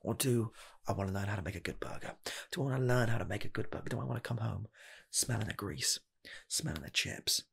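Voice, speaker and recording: In a comedic, improvised ASMR job interview, a man in his twenties heavily acts an earnest, eager rocket scientist nervously pitching himself for fast-food work. His low, very breathy voice is husky with gravelly fry and slips into whispers. He speaks softly, stammering and doubling back on his phrases.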